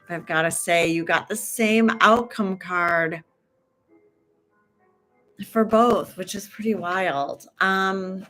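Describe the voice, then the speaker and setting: A woman's voice: on the low side, a bit bright. A woman casually reading tarot cards for her livestream, chatty and rambling, trailing off mid-sentence and throwing in joking asides. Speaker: tarot reader and stream host.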